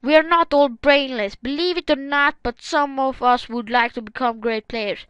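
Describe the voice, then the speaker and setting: A woman with a high, smooth and clear voice reads forum comments aloud as a gaming channel host. She adds casual, wry, sarcastic remarks between them, and her voice sounds close and dry. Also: moderate pace, fairly bright tone, no room sound, rough recording.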